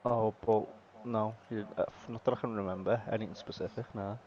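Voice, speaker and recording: A man chatting casually while gaming with friends; he talks loudly and sometimes bursts into song. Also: fairly low pitch, fairly even intonation, a little fast, muffled recording. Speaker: streamer playing with friends.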